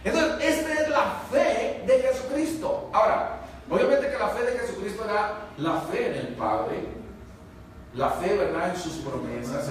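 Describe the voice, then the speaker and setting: A pastor preaches a sermon in a high voice, heard from far off in a very echoey church. He rises to loud peaks and drops to hushed lines, and keeps asking the congregation if they follow. A faint room hum sits behind him. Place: church hall.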